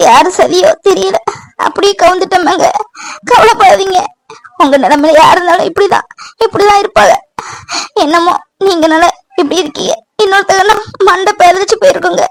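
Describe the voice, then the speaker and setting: A woman voicing a devoted village wife and mother in an animated family drama, pleading and soothing. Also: very high voice, gravelly, rough recording. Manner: pleading, soothing, then bustling.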